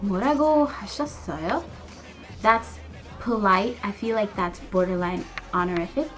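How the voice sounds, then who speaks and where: Fast-talking, animated woman vlogger. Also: mid-range voice, soft background music. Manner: animated, acts out little scenes, laughs often. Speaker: vlogger teaching phrases. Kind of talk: casual language lesson vlog. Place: living in Korea.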